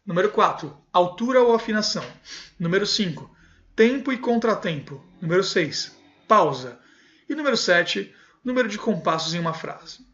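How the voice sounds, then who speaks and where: A man with a fairly high voice teaches a music lesson. He reads textbook passages aloud and then explains each one in a relaxed, conversational way. The recording sounds dull and lo-fi. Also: moderate pace.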